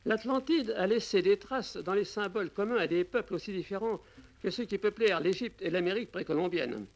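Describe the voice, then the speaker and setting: An older man speaks in a high, creaky voice. He gives learned, assertive interview answers in formal phrasing, recorded on old worn 1950s radio tape. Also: fairly quick. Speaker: interviewed author.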